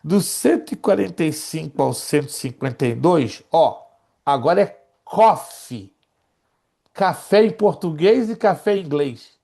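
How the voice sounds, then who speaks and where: A man's voice: a little high, animated, a little slow, vocal fry, dark tone. A man in his sixties, a pastor teaching a theology class, jovial and teasing, often asking his students questions. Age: 60s. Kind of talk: classroom lecture.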